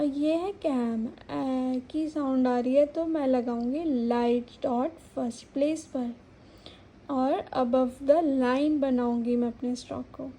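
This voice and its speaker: A woman's voice: sits high, mellow, low-quality recording. A young woman teaching a shorthand lesson, patiently repeating words to sound out each vowel. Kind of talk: explaining a stenography lesson.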